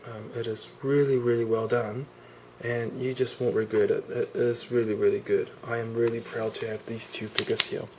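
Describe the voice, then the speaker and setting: Recorded indoors on a camera mic with some background noise, a man with a cold reviews a toy. His voice is medium-pitched, level and at normal speed, yet his manner is casual and gushing, full of repeated "awesome" and "really."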